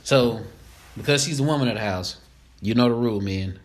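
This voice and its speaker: A man's voice: mid-range voice, a little fast, roomy sound. A man co-hosting a podcast in casual chat, talking in a laid-back, rambling, jokey way. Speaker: podcast co-host.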